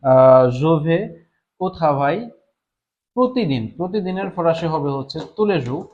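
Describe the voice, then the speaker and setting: A man's voice: fairly high pitch, lively intonation, takes it slowly, muffled recording. A man giving a live online lesson, patiently explaining French words and repeating each one several times. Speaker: French teacher.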